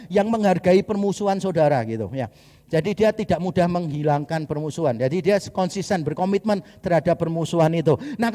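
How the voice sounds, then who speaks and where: A man's voice: sits high, dark tone. A man preaching a sermon as pastor, conversational and humorous, acting out little asides as he goes. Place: church hall. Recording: long hall reverb.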